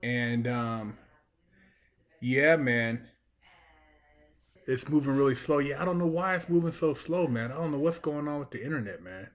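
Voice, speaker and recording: A man's voice: medium pitch, normal speed, long pauses. American male streamer, mid-range voice, casual and colloquial, talking to his online audience. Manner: laid-back, colloquial, often saying "man". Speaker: live streamer, channel host. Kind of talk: casual livestream chat to viewers.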